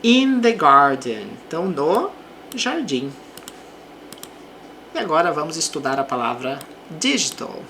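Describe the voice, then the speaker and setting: A woman with a Brazilian accent teaching English, reading example sentences slowly and explaining them. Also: deep voice, very animated, fairly bright tone, slight background noise. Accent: Brazilian Portuguese. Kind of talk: slow explanatory language lesson.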